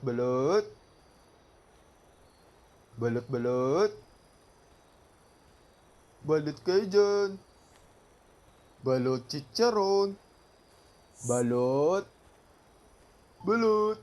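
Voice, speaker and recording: Game street vendor, male actor: Filipino balut seller's sing-song cry, high-pitched, soft-edged, repetitive calling. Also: full character voice.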